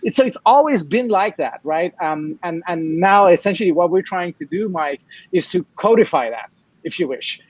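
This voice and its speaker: A man born in Iran, raised in France, his voice sitting high for a man and tumbling out in animated restarts. The sound is dry and dull, like lo-fi remote audio. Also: normal speed, no echo. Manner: animated, many restarts and "you know". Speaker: guest, tech startup founder. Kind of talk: casual interview talk.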